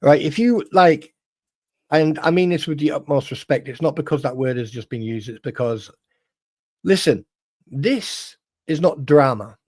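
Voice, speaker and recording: A man talks on a livestream in a raised, fairly high voice. He is emphatic and swears freely. He stumbles and restarts his sentences as he pushes his point. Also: measured pace, darkish tone. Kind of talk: casual livestream chat.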